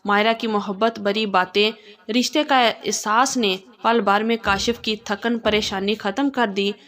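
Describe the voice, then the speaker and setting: A woman storyteller giving steady, gentle scripted narration of a romantic story. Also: mid-range voice, a little slow.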